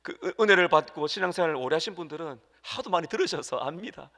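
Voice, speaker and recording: A man preaching a sermon as pastor, emphatic, jumping between loud exclamations and quiet asides and acting out quoted prayers. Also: on the high side, expressive, fast talker, vocal fry. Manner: acts out quoted prayers and dialogue. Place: church sanctuary. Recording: long hall reverb.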